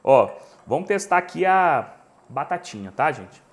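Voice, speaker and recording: Brazilian man in his forties hosting a cooking stream, animated storyteller, a bit high-pitched, close lapel mic. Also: unhurried. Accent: Brazilian Portuguese. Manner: animated storytelling, chatty and joking with viewers. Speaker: cooking show host. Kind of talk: live cooking stream chat. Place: home kitchen, indoors.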